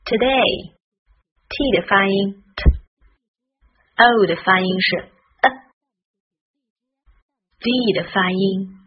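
Slow, husky woman teaching pronunciation. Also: mid-range voice. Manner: spells out letters and models sounds slowly. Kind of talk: slow, careful pronunciation lesson. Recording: dull, lo-fi recording.

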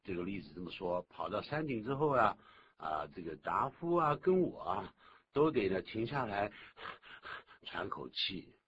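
A man co-hosting a radio English lesson, explaining phrases and jumping up in pitch when he demonstrates them. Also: moderate pace. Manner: animated, exaggerated pitch jumps when demonstrating. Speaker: English teacher, co-host. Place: radio studio. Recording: dull lo-fi radio recording, faint hiss.

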